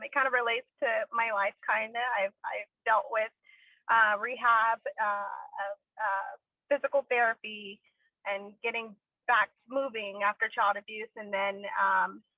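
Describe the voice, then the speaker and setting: A woman graduate speaking on a video call, grateful and nervous, a little halting. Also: on the high side, dry recording. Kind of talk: short speech over a video call. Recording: dry tinny phone-like audio.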